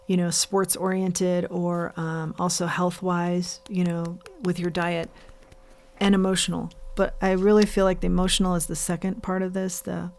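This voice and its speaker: A woman giving an intuitive tarot reading as host, saying the card names slowly and repeating her advice earnestly. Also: lowish voice, vocal fry. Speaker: tarot reader.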